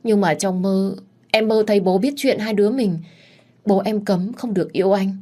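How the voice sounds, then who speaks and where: A woman's voice: medium pitch, steady tone, normal speed, warm tone, voice pushed up, natural voice. Woman voicing a tearful, defiant young woman. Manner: pleading, emotional. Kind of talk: audiobook story reading.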